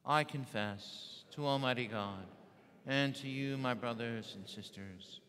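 A man leading a church service as priest, reciting prayers and readings in a measured, solemn way. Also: medium pitch, fairly bright tone. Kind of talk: liturgical recitation. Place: large church. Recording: echoey church hall.

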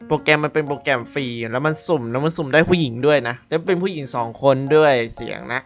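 A man's voice: a little high, quick pace, highs cut off, faint music behind. A man hosting a gaming channel, chatting casually while he plays, rambling, laughing and swearing now and then. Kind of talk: casual gameplay commentary.

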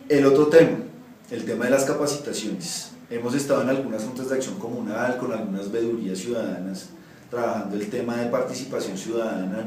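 A municipal ombudsman in his thirties answers interview questions in an office with window blinds, restarting often and leaning on fillers. His voice is fairly low and darkish, with slight background noise. The echoey office audio is picked up from far off.

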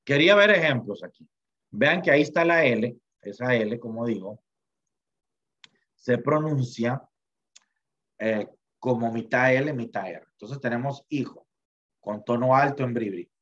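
A male teacher gives a loose, chatty online lecture, filling his pauses with fillers and restarting his sentences. His voice sits at a middle pitch. The audio comes through a computer mic and sounds slightly muffled and lo-fi. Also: fairly bright tone, husky.

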